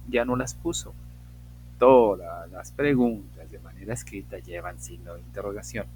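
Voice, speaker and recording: A man teaching an English class online, patiently explaining and drawing out slow example questions. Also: fairly low pitch, a little hiss or hum, rough recording.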